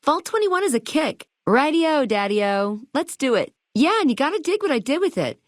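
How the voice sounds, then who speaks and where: A bubbly, excited young shopkeeper from a video game speaks in a high, sing-song voice at normal speed, sassy and theatrical with wide pitch swings and retro slang. She's recorded close up, and the sound is dry.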